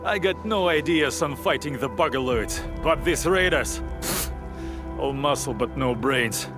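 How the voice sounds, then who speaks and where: A man's voice: medium pitch, lively intonation, a little slow, close to an everyday voice. A man voicing a swaggering arena brawler. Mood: cocky. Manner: swaggering, dismissive. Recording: game audio with music.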